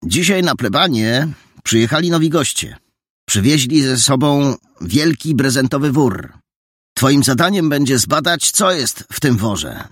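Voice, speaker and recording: A bossy, self-assured boy detective, put on by a man in a storybook reading, lecturing his friends with lively, bouncing intonation. The voice sits higher than the narrator's own, with a husky, slightly gravelly grain. The sound is dry and close. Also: a little slow, no echo. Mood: brisk.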